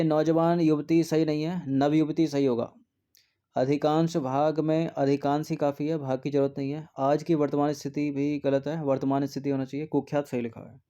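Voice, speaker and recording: A man with a fairly high, mellow voice goes through test questions one at a time as an exam prep teacher. He explains each answer patiently and keeps checking in with his listeners. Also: dull audio. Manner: patient, repeats "theek hai" often.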